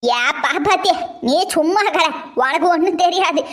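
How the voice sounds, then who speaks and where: A woman's voice: extremely high pitch, a little slow, voice pushed down. A woman voicing a bossy, scornful old woman who gossips and scolds.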